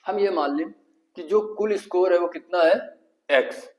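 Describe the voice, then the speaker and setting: A man's voice: high voice, moderate pace, low-quality recording. Man teaching math in a Kanpuri accent. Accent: Kanpur Hindi. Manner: asks the class questions then answers them himself, stepwise and repetitive. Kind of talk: exam-prep math lesson.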